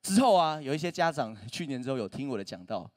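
A man's voice: mid-range voice, sing-song, fast talker, a little mellow. A man, preaching a humorous sermon as a pastor, telling stories with self-mocking jokes. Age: 30s. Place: church stage.

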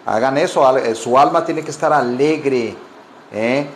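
Slow-talking man teaching English. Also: medium pitch, slight background noise. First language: Spanish. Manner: slow, repeats phrases for learners. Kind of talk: casual online English lesson.

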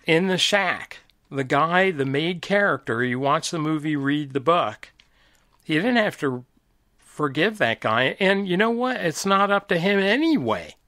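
Middle-aged male Bible teacher, slow and animated, close dry mic. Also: on the high side, no echo. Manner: slow, deliberate, explanatory. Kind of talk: informal Bible teaching monologue.

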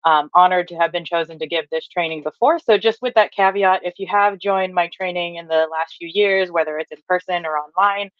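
A woman's voice: lowish voice, brisk, hardly any pauses, dry recording. A woman in her thirties from Hawaii, giving an upbeat online training from a home office and reading out replies from the chat, with many fillers along the way. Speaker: workshop trainer. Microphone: webcam or laptop mic on a video call. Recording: dry, dull lo-fi video call audio.

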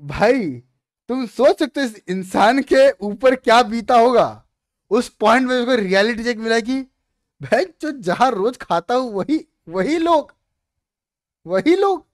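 Speaking unhurriedly at an extremely high pitch, a young Indian meme reviewer swears and laughs his way through casual reaction commentary in slang. No room sound is audible.

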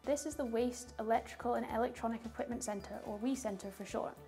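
Speaking as a tour guide, a young adult woman delivers scripted narration in a calm, informative way, clear and brisk. Her voice is fairly high, and music plays underneath.

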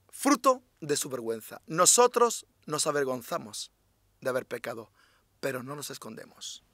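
Leading a religious lesson, this rabbi has a bright, high-pitched voice and a forceful manner. He repeats key points for emphasis and asks his audience rhetorical questions. There is no reverb, and the audio sounds dry and near.

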